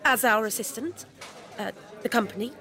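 A woman's voice: fairly high pitch, normal speed, over music, lightly acted. An actress playing a flustered, eager young woman on a date, talking in a slightly awkward way.

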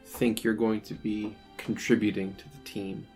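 A woman's voice: a bass voice, level tone, normal speed, dark tone, faint music behind. A man playing a proud, blunt female warrior in a tabletop game, with a sardonic, condescending manner.

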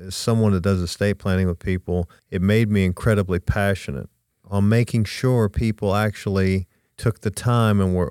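A man with a low, clear voice speaks conversationally as an advisor. The sound is close and dry. He stresses his points by repeating them. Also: a little mellow, no room sound. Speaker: estate planning advisor, podcast guest. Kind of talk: conversational anecdote and advice.

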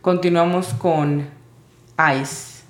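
A woman teaching English vocabulary in Spanish, spelling out each word's sounds slowly and carefully. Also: lowish voice, fairly even intonation, darkish tone, echoey room. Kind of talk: vocabulary lesson.

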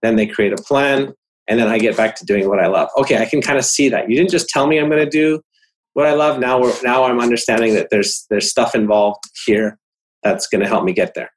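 A man's voice: mid-range voice, steady tone, fairly quick, low-quality recording. Man walking through a website critique. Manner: explanatory, fillers, restarts. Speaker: web design consultant.

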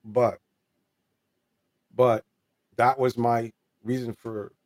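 A man's voice: medium pitch, level tone, drawn-out words, darkish tone. A man in his forties telling a candid personal story in an interview, earnest and rambling, with many fillers and restarts. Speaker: interview guest.

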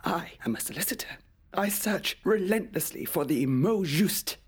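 Woman doing a breathy whispery unhinged mum, low-ish voice, menacing. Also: animated, moderate pace. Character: bitter unhinged young mother.

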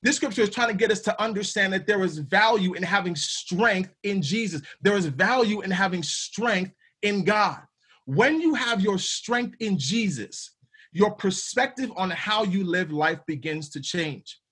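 A man's voice: high voice, lively intonation, measured pace, fairly bright tone, husky. A man teaching a podcast Bible study in a casual, emphatic way, with slang and repeated words.

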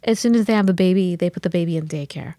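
A woman co-hosts a casual podcast, her voice mellow and dark. She tells her stories with animation and slips into the voices of the people she quotes. The sound is dry and close. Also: lowish voice, rapid-fire, no echo. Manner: animated storytelling with acted-out quotes. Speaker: podcast co-host.

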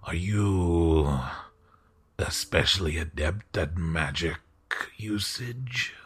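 A man voicing a genteel male host serving tea, speaking in a hushed, formal and polite manner. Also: sits low, extremely slow, husky, pitched below the performer's own voice, full character voice. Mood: courteous.

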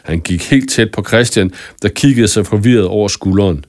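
Low-voiced guy reading a kids story, calm, dry close mic. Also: no room sound. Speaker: audiobook narrator. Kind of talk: scripted narration.

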